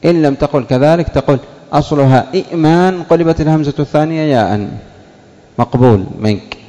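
A man, a sheikh, teaching a morphology lesson: he puts questions to students and answers them, stretching out example words slowly. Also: on the high side, mellow, big-room sound. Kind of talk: classroom lesson explaining word roots.

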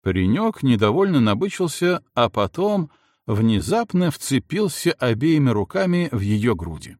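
A male audiobook narrator telling the story with theatrical expression. His pitch rises and falls with lively movement. The recording is dry, with no room sound. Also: a little slow, dry recording.

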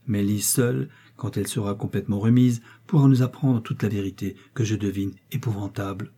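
A man's voice: on the low side, fairly even intonation, a little fast, dark tone, breathy edge. A man reading aloud as a passionate young prince, a husband pleading tenderly with his wife in a storybook. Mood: fervent. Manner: fervent, pleading.

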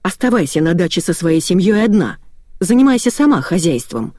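A woman voicing a weary, stern elderly grandmother who scolds calmly. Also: fairly low pitch, fairly quick, no room sound, studio quality.

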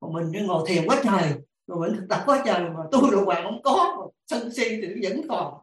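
A woman, a lay practitioner asking her teacher questions, halting as she searches for words. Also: mid-range voice, lively intonation. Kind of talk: dharma Q&A. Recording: roomy echo.

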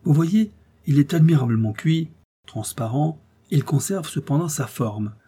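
A man's voice: a little high, lively intonation, unhurried, mellow, slightly rough, voice pushed up. A man voicing an earnest police detective in an audiobook, speaking in an explanatory, slightly theatrical way. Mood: lecturing. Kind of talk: audiobook character reading.

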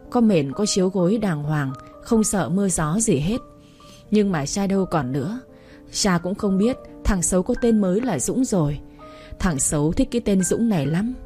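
A woman's voice: on the low side, mellow, natural voice. Woman reading as a grieving orphan lad. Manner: tearful, pleading prayer to his late father. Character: grieving orphaned young man, earnest, playful.

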